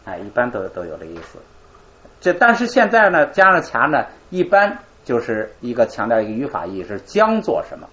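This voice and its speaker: A man's voice: medium pitch, wildly swooping pitch, fairly quick, fairly bright tone. Guy teaching a grammar class, voice goes up and down a lot, asks himself questions, kinda dull lo-fi sound. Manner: explains by asking and answering his own questions. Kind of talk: live classroom lesson.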